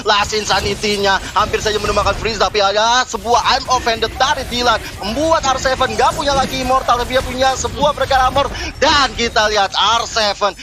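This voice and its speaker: A man with an Indonesian accent doing excited esports play-by-play, calling out plays dramatically like a fighting game announcer. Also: very high-pitched, fairly quick, hardly any pauses, over music. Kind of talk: excited esports match commentary.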